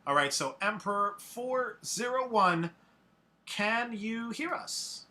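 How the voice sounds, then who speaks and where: A man hosting a live online showcase, upbeat and brisk like an announcer. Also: high-pitched, lively intonation, pushed and bright. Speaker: showcase host.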